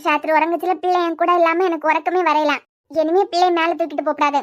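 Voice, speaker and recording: A woman voicing a sharp-tongued grandmother and mother-in-law in a cartoon serial, speaking with a Kanyakumari Tamil accent and a nagging, scolding manner. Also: very high-pitched, flat delivery, fast talker.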